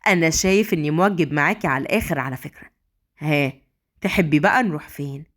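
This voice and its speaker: A woman voicing a gruff, domineering young husband who talks bluntly and teases. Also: fast talker, fairly bright tone. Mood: cocky. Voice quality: rough, lowered voice. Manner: commanding, blunt, teasing.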